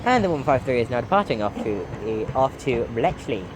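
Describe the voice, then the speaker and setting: A man's voice: medium pitch, sing-song, fairly quick. A man giving casual running commentary on trains from a station platform. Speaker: trainspotting video host. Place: outdoors on a railway station platform. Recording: outdoor platform noise, passing trains. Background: trains and outdoor ambience.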